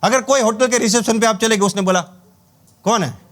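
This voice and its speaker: A man's voice: high voice, quick pace. A man giving a motivational sales training talk, telling anecdotes and acting out dialogue with jokes. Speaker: network marketing trainer.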